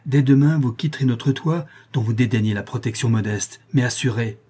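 A man's voice: on the low side, level tone, a little fast, darkish tone, husky. A man reading a storybook, voicing a stern old professor uncle who speaks in a commanding tone. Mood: indignant.

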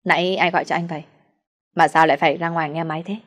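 A woman's voice: deep voice, steady tone, racing. A woman reading the lines of a suspicious, haughty young wife in an audio story.

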